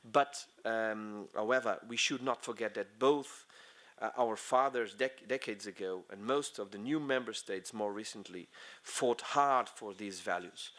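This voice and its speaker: A middle-aged man from Portugal with a Portuguese accent, giving a conference speech in English, halting often with fillers and restarts. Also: on the low side, a bit bright. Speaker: conference speaker.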